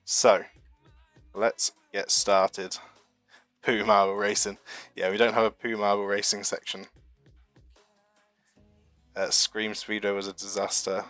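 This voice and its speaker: A young British man streams live for his marble racing channel, reading out chat messages in a casual, rambling, self-deprecating way while recovering from the flu. His voice is lowish and a bit bright, with little pitch movement, a slow pace and long pauses. The audio has no room sound, just soft music in the background.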